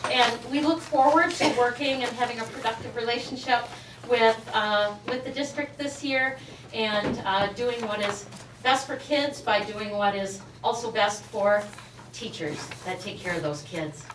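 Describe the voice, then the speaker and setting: With a fairly high voice and measured pace, a woman who is president of the teachers' union enthusiastically introduces her colleagues one by one at a school board meeting. The recording is distant and echoey, with a noisy background.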